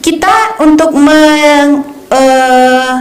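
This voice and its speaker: A woman's voice: high-pitched, very slow, reverberant, faint music behind. A young woman coaching speech contest skills, explaining with examples and frequent hesitations. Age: young adult. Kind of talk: conversational lesson.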